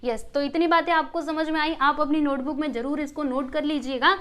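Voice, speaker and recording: A woman with a high voice talks through a maths lesson, explaining one small step at a time. She keeps checking in with the class and asks them questions before she gives the answer. It sounds like a close voice-over recorded while she writes on the board. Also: steady tone, brisk, a bit bright. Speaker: maths teacher.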